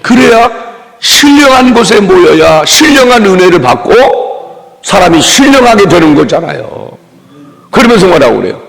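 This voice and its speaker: A Korean-accented pastor preaches a revival sermon in a church sanctuary, calling for amens and imitating the people he describes. His voice sits high, gravelly and a bit bright, swinging widely in pitch at normal speed, with the long reverb of a church hall around it.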